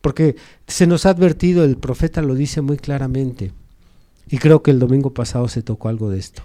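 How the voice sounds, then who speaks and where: A man's voice: mid-range voice, a little fast, mellow. A male preacher giving a sermon, retelling a Bible story and rising to emphatic cries.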